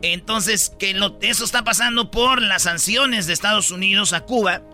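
A man's voice: high voice, normal speed, sharp tone, soft background music. A man with a Mexican accent co-hosting a slangy, casual news chat. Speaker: talk show co-host.

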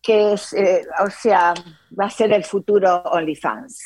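A woman's voice: mid-range voice, measured pace, a little mellow, no room sound. A woman with an Argentine accent, a guest in a casual interview, talking in a playful, flirtatious way. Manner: flirtatious and playful, laughs often.

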